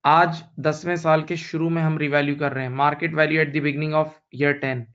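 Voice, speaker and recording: A man's voice: on the high side, level tone, a little slow, a bit bright, clean tone, dull audio. A man in his thirties with an Indian English accent, teaching accounting in a recorded online lecture and repeating key points patiently to his students. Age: 30s. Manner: repeats key points, addresses students as beta, mixes English terms into Hindi.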